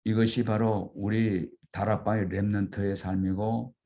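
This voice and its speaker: Middle-aged male pastor, low mellow voice, earnest storytelling sermon. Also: level tone, a little slow, muffled recording. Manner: earnest, vivid retelling of martyr stories.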